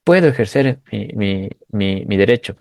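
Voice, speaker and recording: A man's voice: on the low side, animated, normal speed, gravelly, darkish tone, dry recording. A man, an economist guest, explaining his views earnestly over a video call, sometimes repeating words as he searches for the next one. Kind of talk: casual online interview.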